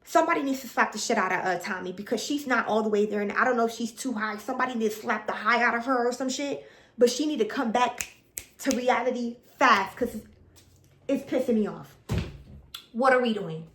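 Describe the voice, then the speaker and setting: A woman's voice: a little high, fairly bright tone, a little hiss or hum. A young woman vents about a reality TV show. She is blunt and profane, and she repeats her complaints in exasperation. Her voice carries a noticeable echo from the room. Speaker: reality TV reaction vlogger. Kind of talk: casual ranting commentary.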